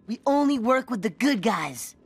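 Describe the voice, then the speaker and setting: A woman's voice: a little high, very animated, moderate pace, background noise. A woman voicing a brash, impatient teenage turtle hero with slangy, urgent talk in a game cutscene. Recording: loud game music behind.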